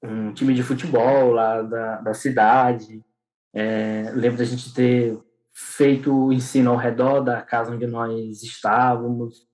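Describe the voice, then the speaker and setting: A man's voice: medium pitch, level tone, slow pace, darkish tone, rough recording. Young man, mid-range voice, hesitant, many restarts, casual interview. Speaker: podcast guest.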